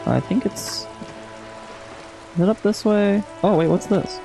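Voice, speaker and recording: A man giving casual, low-key playthrough commentary as a gaming host, musing aloud and reading out game text. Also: a little slow, vocal fry, over music.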